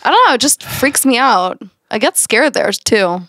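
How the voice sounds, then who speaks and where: A woman's voice: on the high side, sing-song, bright, forceful tone, dry recording, studio quality. A young woman co-hosting a casual podcast chat, blunt and teasing. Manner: blunt, teasing, quick reactions. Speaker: podcast co-host.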